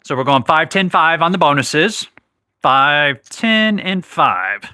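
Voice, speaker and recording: A man's voice: on the high side, animated, takes it slowly, sharp tone, smooth, dry recording, clean studio sound. A man hosting a live craps stream, chatting casually, reading viewer comments and correcting himself, while he has the hiccups. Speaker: livestream host.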